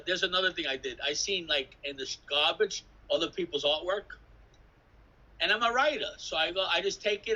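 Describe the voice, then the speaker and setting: Husky older New man rambling. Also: high-pitched, bright, forceful tone, rough recording. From New York City. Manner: swearing, laughing, jumps between stories. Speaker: interviewee, graffiti artist. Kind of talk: rambling casual storytelling. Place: indoors at an artist residence. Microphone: video call.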